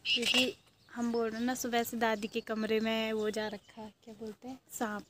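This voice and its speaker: A woman's voice: fairly high pitch, flat delivery, moderate pace, heavy background noise. A young woman from Uttarakhand narrating a casual home vlog, chatty and talking to viewers, sometimes whispering. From Uttarakhand, India. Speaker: vlogger.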